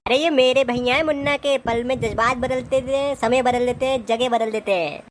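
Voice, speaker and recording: A man's voice: extremely high pitch, fairly even intonation, moderate pace, slight background noise. A man voicing a blustering, boastful older brother who is secretly a coward. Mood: gruff. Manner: gruff, blustering, threatening. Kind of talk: comedy sketch acting.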